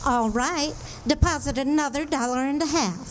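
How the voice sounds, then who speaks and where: A woman plays a telephone operator in an old-style radio drama. Her voice is high, her delivery formal and businesslike, over clearly audible noise. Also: moderate pace, lightly acted. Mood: businesslike, patient. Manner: formal, procedural.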